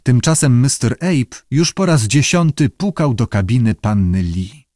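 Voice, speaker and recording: A man narrating an audiobook in an expressive storytelling manner. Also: medium pitch, unhurried, no echo, clean studio sound. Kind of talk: scripted narration.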